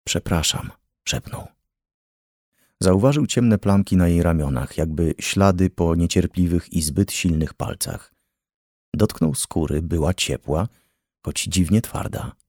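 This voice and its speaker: Male audiobook narrator, very deep voice, dry studio sound, steady and grave. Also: a little slow, no room sound. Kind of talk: scripted narration.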